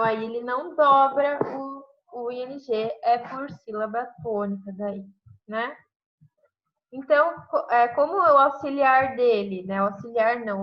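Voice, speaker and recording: A woman with a Brazilian Portuguese accent, an English teacher explaining grammar step by step in a class and tagging "né?" onto her sentences. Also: fairly high pitch. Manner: explains step by step, says "né?" constantly. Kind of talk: online class grammar review. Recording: dull lo-fi online class audio.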